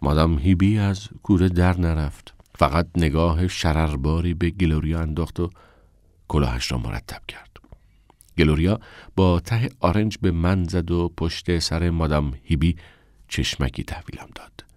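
Deep male audiobook narrator, measured reading, dry close sound. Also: a little mellow, no room sound.

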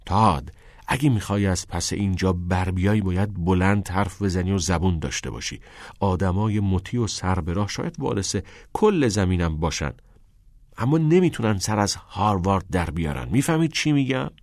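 A man voicing a frustrated, angry teenage student in a novel read aloud, talking in a sharp, scornful way. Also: deep voice, expressive, no echo, studio quality. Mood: bitter.

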